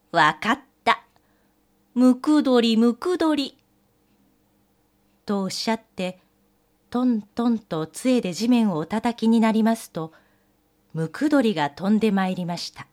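A woman telling an old fairy tale in gentle storybook narration with old-fashioned polite phrasing. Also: mid-range voice.

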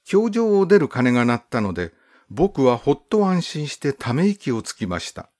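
Man, audiobook narrator, measured storytelling, animated intonation, mid-pitched voice. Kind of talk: calm literary storybook narration.

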